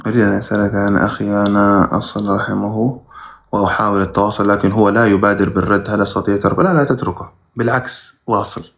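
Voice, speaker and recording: A man's voice: on the low side, level tone, fast talker, vocal fry. A man who teaches religion, reading viewers' questions aloud during a live stream and giving brief, plain answers with sudden emphatic rises.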